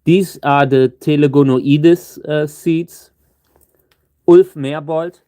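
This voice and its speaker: A man chatting casually as a livestream host, halting and restarting words, his tongue numb from hot chili so that talking is a struggle. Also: a little high, steady tone, mellow, no room sound. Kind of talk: casual rambling gardening livestream.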